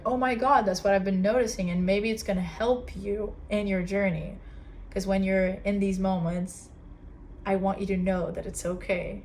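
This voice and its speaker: A young woman with a Portuguese accent hosts a casual solo podcast, talking earnestly with many fillers and restarts. Her medium-pitched voice comes with a little hiss or hum.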